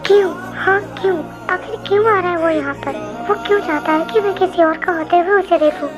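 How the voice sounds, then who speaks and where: A woman's voice: very high-pitched, a little fast, music in the background. Woman voicing a pleading young man. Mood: heartbroken. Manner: pleading, emotional.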